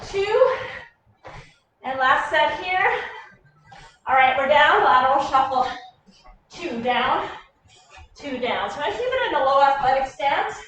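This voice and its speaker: A woman coaching a workout, giving energetic, encouraging and directive short cues and countdowns. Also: high voice, measured pace, long pauses. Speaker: fitness coach leading a warm-up. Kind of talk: group workout instruction, clipped cues and countdowns. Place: echoey indoor room, heard from a distance. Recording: very echoey room, distant mic, faint noise.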